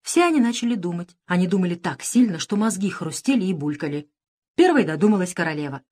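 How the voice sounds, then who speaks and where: A woman narrating a children's audiobook in an expressive storytelling manner. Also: lowish voice, fast.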